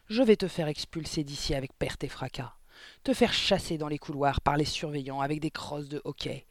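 A towering, tyrannical headmistress, put on by a man reading aloud barks insults in a raised, loud voice. Her ranting comes across as dry and close, with nothing of a room around it. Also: a little high, brisk, creaky, no room sound. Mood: raging. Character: huge furious tyrannical headmistress woman. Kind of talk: audiobook character reading.

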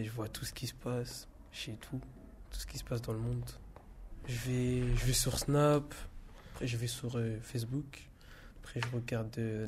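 A man's voice: mid-range voice, darkish tone, a little hiss or hum. A teenage boy speaking in a hesitant, listing way. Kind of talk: spoken testimony.

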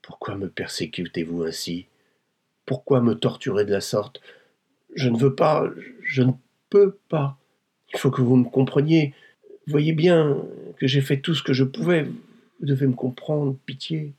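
A man reading a novel aloud and voicing a frightened, desperate wealthy young wife who pleads in high, strained cries. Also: normal speed, darkish tone, slightly rough. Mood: pleading. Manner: pleading, breathless, rising to cries. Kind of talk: audiobook reading.

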